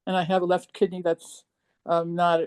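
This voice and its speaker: A woman of seventy giving a personal testimonial, emotional and halting, with many ums and restarts. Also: on the low side, monotone, a little mellow, clean tone. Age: 70s. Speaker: program participant.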